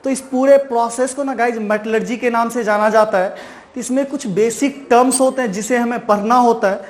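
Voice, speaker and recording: Male science teacher, very high voice, quizzes the class with rhetorical questions and repeats key terms. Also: fairly even intonation. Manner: keeps asking and answering his own questions; repeats key terms slowly, ends points with "right". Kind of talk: chalk-and-talk science lesson.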